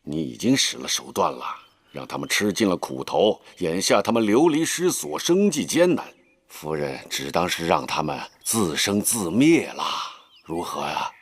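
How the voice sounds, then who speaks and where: An actor playing a calculating older male chancellor in a period TV drama, speaking in a measured, reasoning manner. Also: low voice, big pitch swings, slightly rough, exaggerated voice. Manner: measured and reasoning, turning stern.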